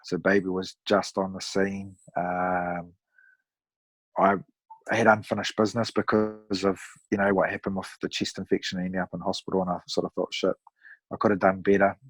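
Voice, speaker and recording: Low-voiced man with a broad Kiwi accent. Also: level tone, brisk, no echo, poor audio. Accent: broad New Zealand. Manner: laid-back, matey, rough-around-the-edges talk. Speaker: podcast guest, amateur endurance athlete. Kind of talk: casual conversational storytelling.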